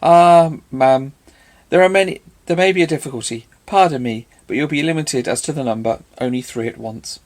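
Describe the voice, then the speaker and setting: A man voicing a clever young woman in an audiobook reading, quick and lightly mocking. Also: medium pitch, expressive. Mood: bright.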